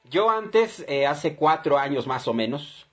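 Husky man, radio advice host, emphatic, acts out dialogues. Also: on the high side, sing-song, a little slow. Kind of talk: call-in advice talk.

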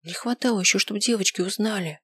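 A woman's voice: medium pitch, fast talker, a bit bright, husky, dry recording. A woman voicing a distraught young woman who speaks in a strained, tearful, raised voice. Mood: distraught, angry.

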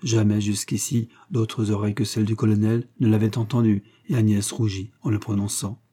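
A man reads a classic novel aloud in measured, even narration. His tone is very dark and mellow, with a husky edge. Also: fairly low pitch. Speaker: audiobook narrator. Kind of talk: literary narration.

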